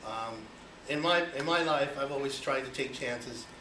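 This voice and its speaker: Pushed and bright, this medium-pitched male voice moves at a normal speed through an icebreaker speech. The speaker, a Cuban-born man in his forties, talks about himself to an audience in a chatty way, using many "you know"s and asking rhetorical questions. His voice sounds far off in a noisy, echoing room.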